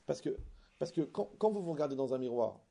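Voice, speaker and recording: Gravelly man teaching an audience. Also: mid-range voice, a little fast. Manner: animated, asks the audience rhetorical questions. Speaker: religious teacher. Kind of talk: lecture with anecdotes and humor.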